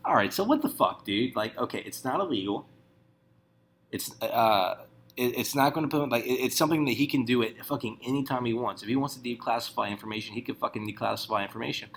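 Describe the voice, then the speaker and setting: A man's voice: mid-range voice, fast, slight background noise. A man giving casual, rambling political commentary, swearing often and restarting his sentences. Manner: profane, rambling, many restarts.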